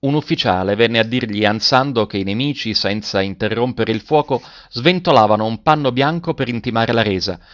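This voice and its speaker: A man narrating a classic story as an audiobook, in a measured and expressive way, in a dull lo-fi recording. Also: mid-range voice, dry recording.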